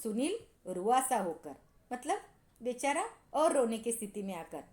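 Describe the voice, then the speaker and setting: A woman teacher talks her pupils through a story lesson, asking them questions and going over the key points again. Her voice sits high and moves up and down a lot, and it rings in an echoey room. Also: a little slow. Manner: lively, asks pupils questions, repeats points. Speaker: school teacher.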